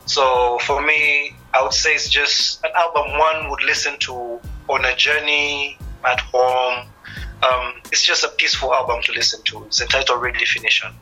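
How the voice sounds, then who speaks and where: A man, a musician guest speaking thoughtfully, with many pauses, in a radio interview. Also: medium pitch, fairly even intonation, bright, forceful tone, faint music behind, low-quality recording. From East Africa. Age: 30s.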